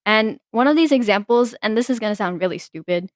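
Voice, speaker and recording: Here a teen co-host speaks in a high, expressive voice, a little on the fast side, while swapping stories with friends and leaning heavily on "like" as filler. It's a casual friends' chat on a podcast, recorded dry in a clean studio.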